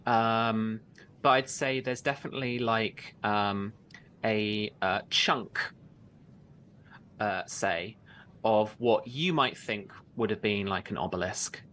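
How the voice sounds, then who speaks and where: Man game master narrating, low voice but bright, lots of kind of and like. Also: slow. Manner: loose, hedging narration full of fillers.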